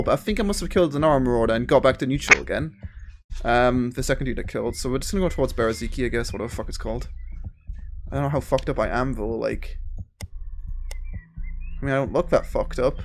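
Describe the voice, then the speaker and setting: A man giving rambling, profane, laid-back commentary as he plays a video game, talking into a gaming headset at home. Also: medium pitch. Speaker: gaming streamer. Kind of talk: casual let's-play commentary.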